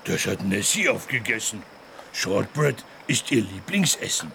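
A man's voice: fairly low pitch, big pitch swings, measured pace, vocal fry, background noise, full character voice. A man playing a kind, naive elephant in a children's audio drama, earnest and hesitant.

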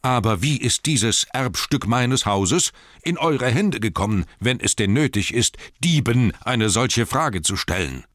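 A man's voice: lowish voice, very animated, moderate pace, hardly any pauses, a bit bright, dry recording, pitched above the performer's own voice. A man voicing a proud, furious male dwarf king in an audiobook, bellowing and commanding, with a dry close sound. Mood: bitter. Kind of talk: audiobook character voice.

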